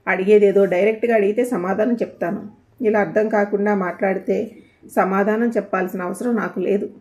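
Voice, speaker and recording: Storybook part: a woman plays a poised, witty young wife, calm and mocking, mellow tone, lo-fi. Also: medium pitch, a little fast, close to an everyday voice. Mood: calm, sarcastic. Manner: calm, polite, teasing.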